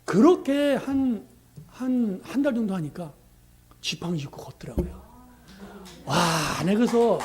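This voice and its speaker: A middle-aged man preaching as a pastor, telling a story with animated delivery and acting out the prayers and dialogue in it. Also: high voice, background noise. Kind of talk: sermon with storytelling.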